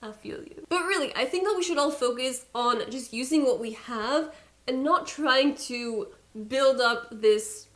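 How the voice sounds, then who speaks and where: A young woman vlogging about beauty in a loose, chatty way, her voice sitting a little higher than most. She talks straight to her viewers with candid, playful emphasis and laughs at herself now and then. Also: a little slow, a bit bright. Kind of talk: casual chat to camera.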